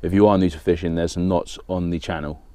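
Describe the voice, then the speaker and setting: Deep, steady and dark-toned, this man talks fast on a dry recording. He's in his thirties, from southern England, and hosts a fishing channel, demonstrating a rig step by step in a practical, plain style while working with his hands in a small indoor studio with a banner backdrop.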